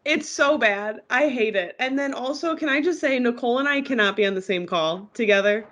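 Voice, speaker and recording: A woman's voice: on the high side, a little fast, fairly bright tone. A woman co-hosting a casual podcast, talking bluntly and animatedly, with free swearing. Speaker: podcast co-host.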